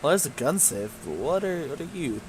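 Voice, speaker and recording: A man's voice: fairly high pitch, very animated, a little fast, a little mellow, a little hiss or hum. A man playing a video game, reading its text aloud and adding casual, muttered asides. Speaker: let's play gamer.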